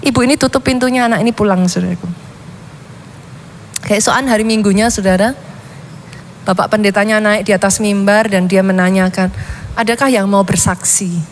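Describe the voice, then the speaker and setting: A woman's voice: mid-range voice, fairly even intonation, brisk, pauses often, slight background noise. A woman pastor preaching, telling a story dramatically and often addressing her listeners directly. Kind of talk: sermon storytelling.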